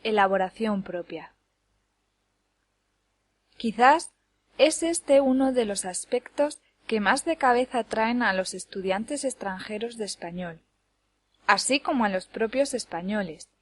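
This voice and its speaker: A woman teacher from Spain reading a scripted lesson clearly and deliberately, slowing down to spell out syllables. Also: mid-range voice, animated, dry recording. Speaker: Spanish teacher.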